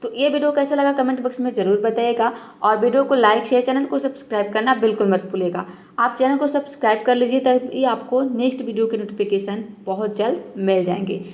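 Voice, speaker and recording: A woman teaching pronunciation rules, explaining patiently and step by step. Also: a little high. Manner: patient, step-by-step, repeats each rule slowly. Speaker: English teacher. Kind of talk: explaining lesson.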